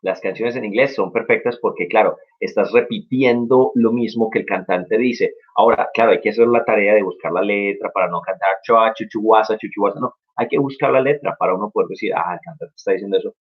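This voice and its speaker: A young man hosting a casual live-stream English lesson, talking in a lowish voice. He sounds upbeat and encouraging and walks through his points one by one. The audio is dull and lo-fi, like a streamed recording. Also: brisk, few pauses, breathy edge. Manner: upbeat, encouraging, explains step by step. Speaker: English teacher. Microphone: live-stream mic.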